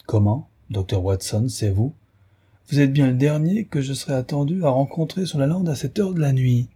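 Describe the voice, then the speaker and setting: A man's voice: mid-range voice, moderate pace, mellow, husky, pitched above the performer's own voice. A man reading an audiobook aloud, voicing a wary male naturalist who asks probing, overly polite questions. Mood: anxious. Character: smooth, wary male naturalist hiding alarm.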